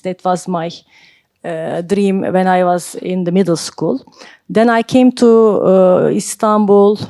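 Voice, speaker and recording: Mellow-voiced woman. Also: mid-range voice, no room sound, clean studio sound. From Turkey. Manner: hesitant, many filler sounds. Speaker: art collector, panel guest. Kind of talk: storytelling at a panel talk. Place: library event hall.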